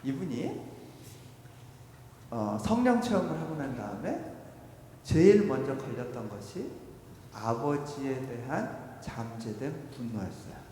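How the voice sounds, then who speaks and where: A man, a missionary, preaching a revival sermon and telling stories with acted quotes, swinging between loud and soft. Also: mid-range voice, very animated, a little slow, long pauses. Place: church sanctuary. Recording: echoey church hall, faint noise.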